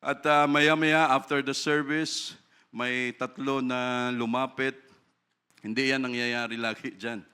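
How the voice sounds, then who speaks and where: A man's voice: mid-range voice, little pitch movement, slow, sharp tone, smooth. A male pastor from the Philippines, recounting a church service and praying fervently, often checking in with listeners with tag questions. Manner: storytelling with frequent tag questions; fervent prayer with rising volume. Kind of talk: sermon testimony and prayer.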